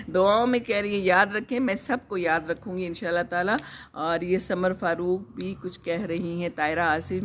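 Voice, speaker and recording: A woman's voice: lowish voice, a bit bright, a little hiss or hum. An older woman from Pakistan, hosting a live stream, chatting in a rambling, conversational way and reading out viewer comments. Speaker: host.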